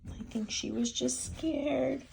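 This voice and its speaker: An older woman, a sweet and gentle grandmother, reading a storybook aloud with chatty asides to small children. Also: sits high, slow, vocal fry, a little hiss or hum, poor audio.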